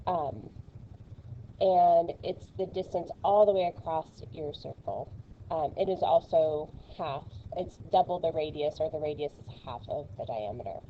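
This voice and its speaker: A woman's voice: sits low, a little slow, dull audio, slight background noise. A woman teaching a recorded math lesson, chatty and playful, with lots of fillers.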